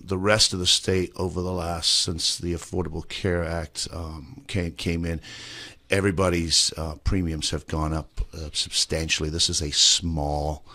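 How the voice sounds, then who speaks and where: A middle-aged man from Zimbabwe talks on a radio show in a very low, deep voice. He speaks plainly, pausing with fillers and restarting sentences. He sits in a small office on a studio mic. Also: fairly bright tone. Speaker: state delegate guest. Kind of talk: radio talk show interview. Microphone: studio mic with headphones, remote video link.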